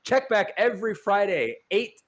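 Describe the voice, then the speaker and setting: Animated ranting podcast host man. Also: high-pitched, normal speed. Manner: animated, worked up, playfully ranting. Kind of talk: casual gaming podcast banter.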